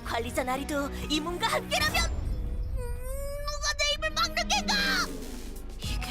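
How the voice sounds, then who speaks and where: A woman's voice: extremely high pitch, animated, rapid-fire. A woman voicing a zealous, naive young woman knight in a game trailer, declaiming grandly in archaic speech like a hammy stage actor. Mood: indignant. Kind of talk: dramatic game character trailer acting. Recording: loud music bed under voice. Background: music.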